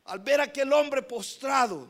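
A man preaching a sermon, moving between hushed passages and emphatic repetition, often addressing his listeners as brothers. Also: very high-pitched, a little slow. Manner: animated, swings from hushed to emphatic, repeats "hermanos".

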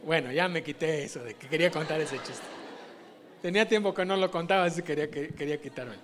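A man's voice: a little high, fast, fairly bright tone. A man giving an informal sermon, chatting to his congregation and tossing in rhetorical questions.

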